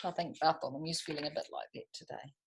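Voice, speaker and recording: She speaks quickly in a low-pitched, steady tone over very noisy audio. As a children's storytime host, she reads aloud with animation and engages young listeners with questions and asides.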